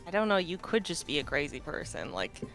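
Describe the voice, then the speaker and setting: A woman's voice: low voice, sing-song, a little fast, a bit bright, soft background music. A woman playing a tabletop game, chatting casually in and out of character. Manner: casual, describes her character's actions. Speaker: player.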